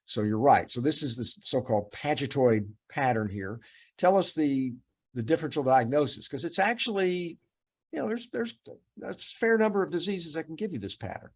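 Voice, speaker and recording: A man's voice: on the high side, animated, normal speed, husky. A man teaching a dermatopathology case review over a video call, explaining patiently with many fillers and restarts.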